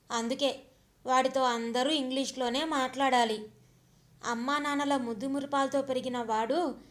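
A woman narrating a story with a high, clear voice. She reads expressively and reflectively, often pausing on questions to draw the listener in.

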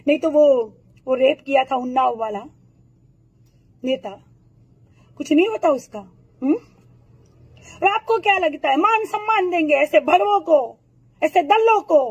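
A woman with a hoarse throat delivering a furious political rant to camera, hurling insults and rhetorical questions. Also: sits high, animated, measured pace, pauses often, highs cut off.

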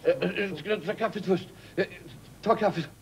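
A man's voice: high-pitched, gravelly, slight background noise. A giggly, lonely night watchman. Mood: wailing. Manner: giggly, rambling, tells silly jokes. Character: jolly, lonely, chatty male night watchman. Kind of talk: 1970s TV comedy acting.

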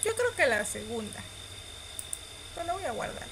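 Expressive woman reading a game aloud. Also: high-pitched, moderate pace, noisy background. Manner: expressive, squeals and laughs at romantic scenes. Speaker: streamer reading a visual novel aloud. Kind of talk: reading game text aloud with live reactions.

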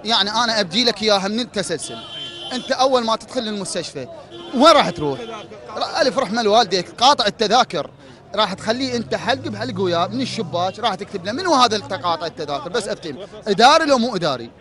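A man's voice: high voice, expressive, very fast, crowd noise. A man with an Iraqi accent speaking outdoors at a street protest, pleading and repeating rhetorical questions as a hospital administrative worker. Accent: Iraqi Arabic. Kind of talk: impassioned street protest speech.

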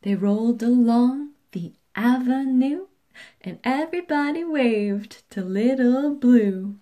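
A woman reading a picture book aloud to children in a playful, expressive way. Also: on the high side. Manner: animated, playful, slow and expressive. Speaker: storybook reader.

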